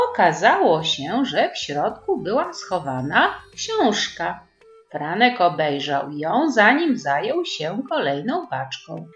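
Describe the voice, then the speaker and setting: A woman reading a children's story aloud, gently addressing young listeners. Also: medium pitch. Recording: roomy, dull lo-fi recording.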